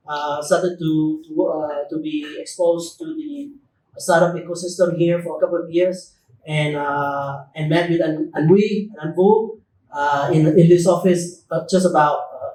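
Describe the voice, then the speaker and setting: A man's voice: a little high, a little mellow, a little hiss or hum. Man speaking from across a roomy office hall. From Vietnam. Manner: halting, measured, with frequent restarts. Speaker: guest executive in a company fireside chat. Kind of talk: casual fireside chat. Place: event room in a company office. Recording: roomy echo, mic far off.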